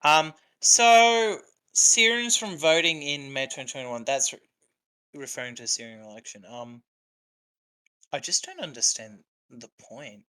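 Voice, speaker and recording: A man's voice: on the high side, unhurried, pushed and bright, clear, resonant tone, low-quality recording. An Australian man hosting a casual podcast chat, rambling and hesitant, swearing freely. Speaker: podcast host.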